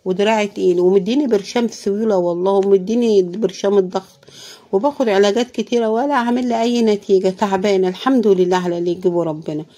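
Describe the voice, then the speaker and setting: An Egyptian Arabic-accented cooking vlogger with a hoarse, worn-out, mid-range voice and dark tone talks fast and casually through her cooking. She sounds tired and often murmurs thanks to God.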